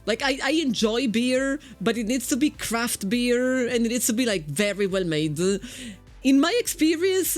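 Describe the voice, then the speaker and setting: A woman with an Italian accent giving casual, chatty game commentary as a streamer, often repeating her first words. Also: on the high side. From Italy. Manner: chatty, repeats words when starting sentences.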